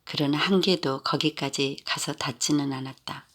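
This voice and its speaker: A man narrating a story in a steady, even storytelling manner. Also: fairly high pitch, normal speed.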